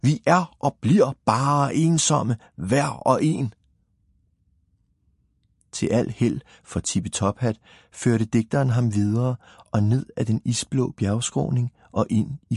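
A man calmly narrating a children's story in a measured reading. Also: fairly low pitch, breathy edge, no room sound, studio quality.

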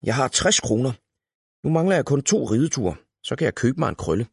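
A man's voice: on the high side, lively intonation, gravelly, husky, no echo, clean studio sound, voice pushed up, full character voice. A man doing a cheerful young pig girl. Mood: chatty. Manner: eager, chatty.

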